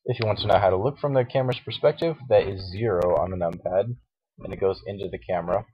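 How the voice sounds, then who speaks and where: A man with a groggy morning voice, talking through a software tutorial casually and hesitantly, with many fillers and restarts. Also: sits low, fast talker. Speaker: tutorial host. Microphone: cheap computer microphone. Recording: dull lo-fi mic with faint hiss and mouse clicks.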